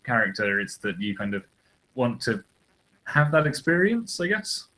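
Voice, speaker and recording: Male co-host, bright, sharp tone, deadpan wry asides. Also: mid-range voice, normal speed. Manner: dry, wry short interjections. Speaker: podcast co-host. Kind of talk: casual chat.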